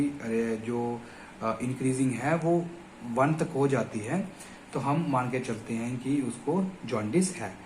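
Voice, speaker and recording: A man gives an informal medical lesson, walking through each lab value step by step and calling his listeners friends. His voice sits at an ordinary pitch. The recording has a noticeable room echo, with faint ambient noise behind it. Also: darkish tone. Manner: explains step by step, often says "friends". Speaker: medical educator. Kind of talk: informal lecture.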